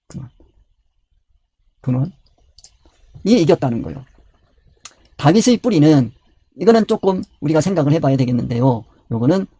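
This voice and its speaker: A man's voice: on the high side, dark tone, slightly rough, no echo. A man preaching a Bible study sermon. He asks questions and answers them himself, and he repeats his key words. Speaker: pastor.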